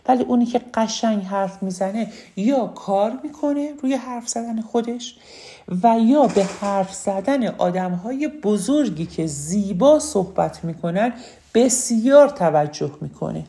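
A woman's voice: mid-range voice, gravelly, warm tone. A woman teaching public speaking in an earnest lecture, often repeating key phrases for emphasis. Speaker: speaking coach. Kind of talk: instructional talk on public speaking.

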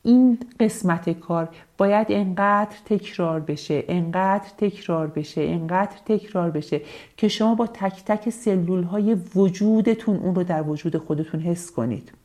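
A woman with a notably low voice reads a self-help passage in a calm, measured way. She then turns to her listeners to explain it, repeating key phrases to drive the point home. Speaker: speaker addressing listeners.

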